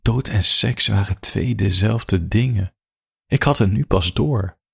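A man reading an erotic story aloud in slow, quiet first-person narration, with a husky voice. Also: on the low side. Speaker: reader.

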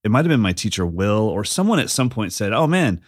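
A man co-hosting a casual podcast conversation, telling stories with animated energy and slipping into voices when he quotes people. His voice sits a little low for a man, recorded close and dry with no room sound. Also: quick pace, dry recording. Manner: animated storyteller, acts out quotes. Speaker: podcast co-host. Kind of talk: casual chat.

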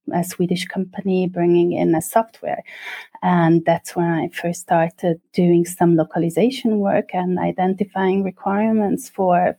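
A woman in her forties with a Hungarian accent, a guest explaining her work in a measured way with thoughtful pauses. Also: lowish voice, creaky, mellow. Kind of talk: interview.

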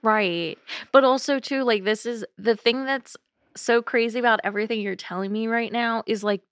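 A woman co-hosting a podcast in casual chat, reacting with quick exclamations and gasps. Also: on the high side, fairly bright tone, no echo, studio quality. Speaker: podcast co-host listening.

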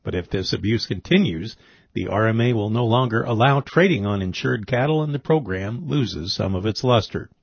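A man's voice: fairly low pitch, expressive, normal speed, gravelly, husky, no echo. A man presenting scripted radio commentary as a report host. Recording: dry, slightly dull audio.

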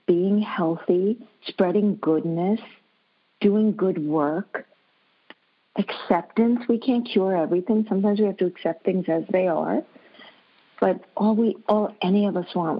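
Woman expert guest, measured and earnest, lowish voice, muffled lo-fi recording. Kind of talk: calm advice in interview. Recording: dull lo-fi sound.

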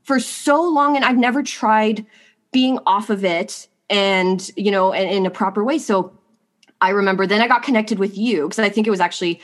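Speaking at a moderate pace in a mid-range voice with fairly even intonation, this young woman sounds stuffed up from allergies. As a podcast guest, she wanders through a candid personal story in conversation, peppering it with "likes" and "you-knows."

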